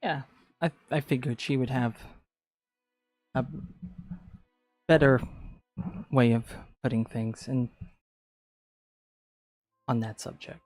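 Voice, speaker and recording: Halting man chatting on his art stream. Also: mid-range voice, a little mellow, no echo, faint music behind. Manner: halting, restarts often. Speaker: streamer, artist. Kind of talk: casual chat.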